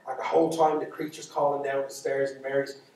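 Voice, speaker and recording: An Irish man telling a folk tale to a live audience, with dramatic swings between loud and hushed. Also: mid-range voice, little pitch movement, fast talker, slight background noise. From Ireland. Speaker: storyteller. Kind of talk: live storytelling lecture. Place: lecture hall. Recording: echoey hall from far off.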